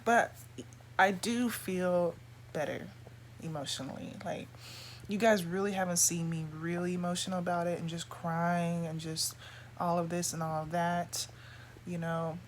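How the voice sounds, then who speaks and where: Rambling woman vlogger, lowish voice, noisy background. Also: fairly even intonation, a little slow. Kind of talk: casual chat to camera. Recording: clear background noise.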